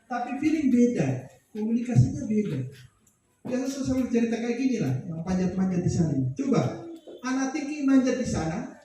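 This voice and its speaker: A woman giving a seminar talk to parents, lively and often acting out what parents and children say. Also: fairly high pitch, brisk. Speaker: seminar speaker on personality test results. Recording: very echoey hall, far from mic, music behind. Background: background music.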